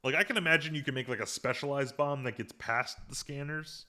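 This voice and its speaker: A man's voice: mid-range voice, a little fast, bright, forceful tone. A man hosting a podcast, casually recapping an episode with rambling restarts and fillers. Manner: rambling, many restarts and fillers, reads out quotes. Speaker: podcast host.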